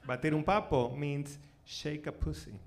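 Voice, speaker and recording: On a comedy club stage, a forty-year-old Venezuelan man whose first language is Spanish tells stand-up stories in a loose, conversational way. His voice sits a little high, and he speaks haltingly, repeating words and sprinkling in "you know" and "like." The live recording picks up a lot of club noise.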